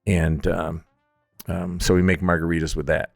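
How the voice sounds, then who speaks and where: Very deep-voiced man telling stories. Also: normal speed, creaky, no room sound, clean studio sound, faint music behind. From Upstate New York. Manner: animated storyteller who acts out quotes, jokey and self-deprecating. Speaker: distillery founder and distiller. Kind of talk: casual interview storytelling.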